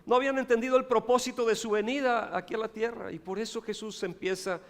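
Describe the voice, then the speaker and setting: High-voiced pastor preaching in a reverberant hall. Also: male voice, fairly even intonation, fast. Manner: storytelling, conversational preaching with rhetorical questions. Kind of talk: sermon.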